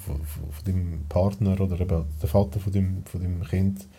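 A man's voice: low voice, flat delivery, normal speed, warm tone, slightly rough. A man with a Swiss German accent talking as a podcast guest, rambling and blunt, with many restarts and fillers. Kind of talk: casual personal conversation.

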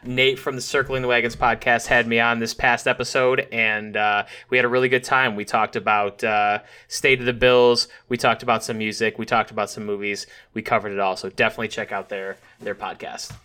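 A young man from Western New York hosts a relaxed podcast conversation. His voice is bright and a little nasal, set at an ordinary middle pitch. He talks easily, with filler words and short pauses. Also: clean tone. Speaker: podcast host. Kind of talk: casual podcast chat.

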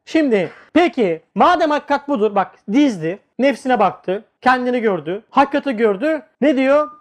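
A man's voice: very high-pitched, expressive, moderate pace. Man teaching a religious lesson. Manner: rhetorical questions and repeated words.

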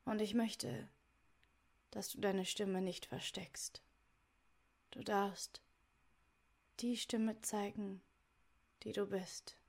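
A woman guides a meditation softly and soothingly. She speaks very slowly, in short, separated phrases. Her medium-pitched voice has noticeable creak and can fade toward a breathy near-whisper as phrases end. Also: little pitch movement.

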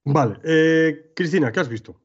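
A man's voice: a little high, expressive, normal speed, breathy edge. A man hosting a podcast, leading a casual film chat and speaking emphatically, repeating words. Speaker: podcast host. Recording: dull lo-fi sound.

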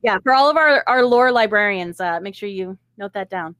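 A woman's voice: medium pitch, lively intonation, normal speed, a bit bright, dry recording, dull audio. A woman co-hosting a podcast in casual chat, enthusiastic and giggly. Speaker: podcast co-host.

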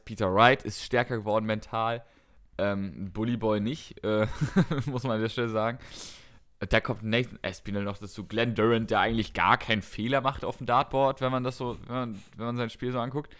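A man's voice: fairly low pitch, fairly bright tone. A man co-hosting a casual podcast, chatting about darts in a rambling way, often correcting himself and listing results at length. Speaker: podcast co-host.

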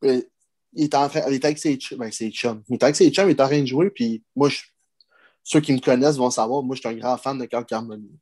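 A young man, talking casually and a little haltingly. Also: mid-range voice, darkish tone. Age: young adult. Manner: hesitant, halting storytelling. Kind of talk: casual chat.

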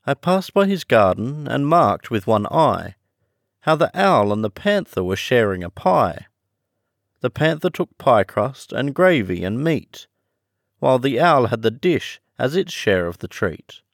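A man's voice: mid-range voice, very animated, unhurried, no echo, clean studio sound, pitched above the performer's own voice. A man voicing Alice, an eager and puzzled young girl with a breathless manner. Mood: reciting nervously.

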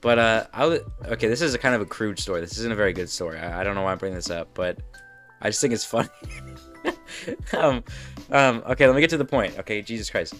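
A man's voice: fairly low pitch, animated, quick pace, fairly bright tone, soft background music. A young man hosting a podcast, rambling through a casual monologue, often breaking off and laughing at himself. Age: young adult. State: burping, hiccups. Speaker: podcast host.

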